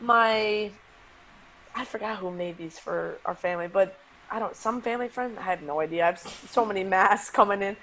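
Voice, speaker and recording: A woman's voice: mid-range voice, moderate pace, a bit bright, a little hiss or hum, poor audio. A woman in her twenties co-hosting a casual chat podcast, talking in a loose, filler-heavy way and laughing often. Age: 20s. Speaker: podcast co-host.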